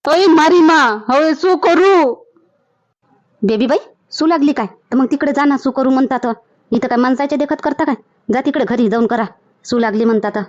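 A woman playing a loud, scolding village woman with a Varhadi accent, exclaiming at the people around her. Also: sits high, a little fast, muffled recording, close to an everyday voice. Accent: Varhadi Marathi.

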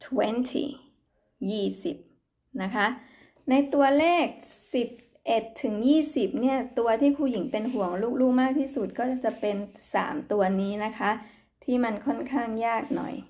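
A woman teaching English numbers to young children in a recorded online lesson, speaking English with a Thai accent. She talks slowly and patiently, repeating each word and spelling it out letter by letter. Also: on the high side, darkish tone. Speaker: primary school English teacher.

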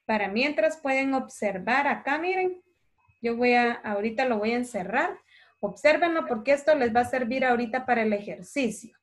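A woman teaching a primary class over a video call, patient and affectionate, dictating words slowly and clearly. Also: on the high side, lively intonation.

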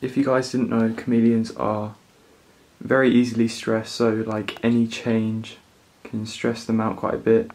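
A young man casually narrating a DIY build in a relaxed, rambling way, recorded on a camera mic in a living room. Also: on the low side, unhurried, faint music behind, poor audio. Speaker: vlogger.

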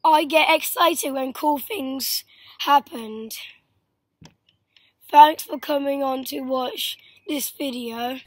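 High pitched woman vlogger chatting, kinda trips on words. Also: slow, dry recording, poor audio. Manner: chatty, stumbles over words. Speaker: vlogger host. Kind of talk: casual chat.

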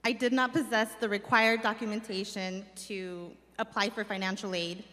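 This young woman, a Mexican community organizer in early adulthood, stands at a stand mic on a big stage and reads her personal speech from notes with real earnestness. She speaks in a steady, mid-range voice at a moderate pace, pushed and bright in tone, while the hall adds long reverb.

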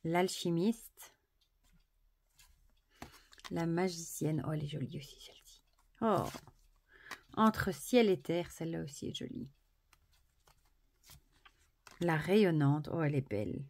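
A woman presenting an oracle card deck, softly admiring each card and then reading the booklet text aloud. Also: sits low, a little slow, long pauses, slight background noise.

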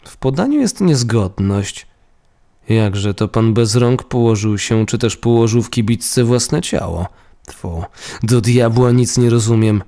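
A man's voice: medium pitch, lively intonation, unhurried, mellow. A man voicing a pedantic provincial clerk who insists on regulations. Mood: baffled. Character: fussy male provincial clerk, stickler for rules.

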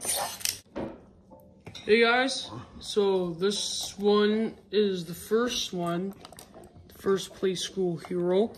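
A female speaker showing off toy figures, heard in slowed-down playback that drags and deepens the voice. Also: a little hiss or hum. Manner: drawn-out, sluggish delivery. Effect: slowed-down playback, pitched deeper. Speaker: toy reviewer. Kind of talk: casual toy show-and-tell.

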